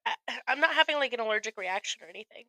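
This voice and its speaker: A woman chats casually as a podcast co-host, slightly congested from a cold and laughing easily. Her voice is bright and a touch high. The recording is close and dry. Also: lively intonation, very fast, dry recording, rough recording. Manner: chatty, laughs often. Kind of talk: casual chat. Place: home podcast studio.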